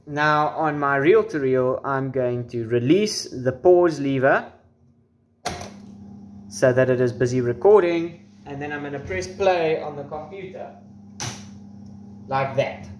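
A man in his 20s, with a mid-range, slightly mellow voice, presents a casual tutorial against slight background noise. His manner is informal, with wry jokes and mild swearing. He's in a small room at home, recorded on the camera's built-in mic at varying distance.

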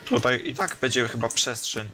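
A man's voice: medium pitch, normal speed. A man talking casually as a teammate in online game voice chat. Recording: noisy voice chat, keyboard typing. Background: noise, keyboard clicks.

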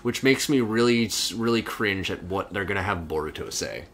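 Low-voiced young gamer, animated, banter-heavy co-host of a game playthrough. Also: male voice, moderate pace, a little hiss or hum. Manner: jokey, riffing banter. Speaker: let's play co-host. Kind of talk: casual gameplay commentary.

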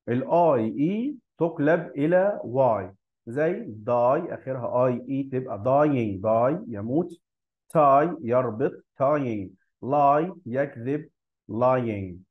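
An Egyptian man teaches English grammar in an ordinary mid-range voice, walking through each rule step by step. He slows down to sound out example words clearly. The recording is a bit dull and lo-fi. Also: mid-range voice. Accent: Egyptian Arabic. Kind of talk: grammar lesson.

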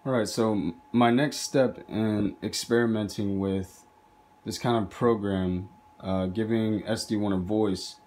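A man hosts a video indoors, casually narrating a demo of his hobby robot project. His voice is lowish and a little mellow.

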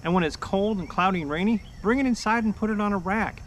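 A chatty man in his forties records a casual how-to vlog outdoors beside his house, on a close camera mic. His voice sits a little high, and he walks through his setup step by step in an upbeat way. Faint outdoor ambience sits under the speech. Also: quick pace, slight background noise. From United States. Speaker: off-grid homestead vlogger. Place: outdoors by a house wall in a backyard.

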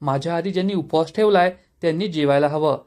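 A man's voice: fairly high pitch, fast talker, a little mellow, natural voice. A man reading the lines of a stern elderly family patriarch in a recap of a TV serial, scolding in his own plain voice. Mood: firm.

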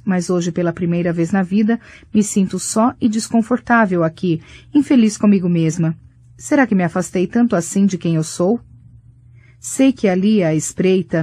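A woman narrating a first-person romance audiobook in a soft, reflective way. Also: on the low side, no room sound.

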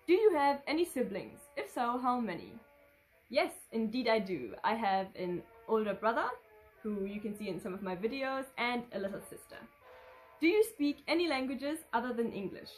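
A young German woman in her twenties, a vintage fashion vlogger, reads fan questions aloud and then chats off the cuff from her living room with a red curtain and sofa. Her voice sits on the high side and sounds animated, moving at a moderate pace. Faint music plays behind her on a low-quality recording.

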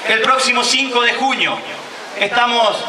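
An Argentine man in his thirties, a mayor, reads a prepared speech in a declamatory public manner from a lectern on an outdoor stage. His voice sits high and carries with a roomy echo, picked up from some distance. A clear wash of outdoor ambience runs underneath. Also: unhurried, noisy background. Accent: Argentine Spanish. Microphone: stand mic at a lectern. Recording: echoey outdoor PA sound from far off.

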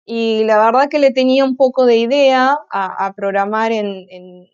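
A woman's voice: on the high side, normal speed, clean tone, no room sound, dull audio. A woman giving an online tech conference talk, hesitant, with frequent filler sounds and restarts. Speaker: conference speaker.

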